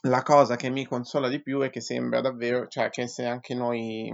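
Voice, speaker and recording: A man's voice: medium pitch, level tone, moderate pace, gravelly, lo-fi sound. A man co-hosting a casual football podcast, wry and often correcting himself as he goes. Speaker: podcast co-host.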